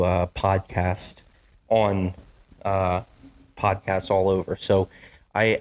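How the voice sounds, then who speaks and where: In a home basement studio, a man with a lowish, darkish voice hosts his own podcast through a studio microphone. It's casual solo talk, chatty and apologetic, peppered with fillers and restarted sentences.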